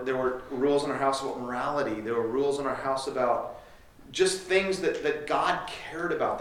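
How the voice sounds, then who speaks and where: A man's voice: fairly high pitch, fairly bright tone. A man preaching as a pastor, direct and earnest, acting out parents and children as he teaches. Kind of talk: sermon. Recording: echoey room, from far off.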